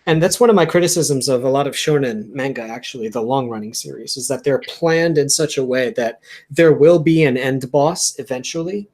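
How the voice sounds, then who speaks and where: A man's voice: medium pitch, fairly quick, darkish tone. A man hosting a podcast, chatting casually and explaining his points with examples. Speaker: podcast host. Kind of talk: casual chat.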